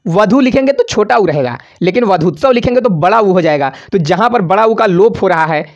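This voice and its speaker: Speaking fairly quickly with lively intonation, this medium-pitched grammar teacher runs an exam-prep lesson over slides, and the audio has its highs cut off. In a casual style that addresses students as "bhaiya," the teacher poses and answers questions, drawing out syllables on examples and repeating key words.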